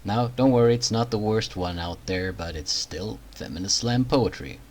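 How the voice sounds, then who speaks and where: A man's voice: lowish voice, moderate pace, a little mellow, low-quality recording. A man hosting a reaction commentary video, talking in a sarcastic, mocking way.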